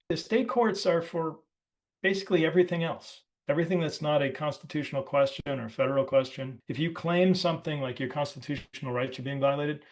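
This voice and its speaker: Casual American man explaining law. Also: medium pitch. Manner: conversational, loose with restarts, sardonic asides. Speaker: podcast host.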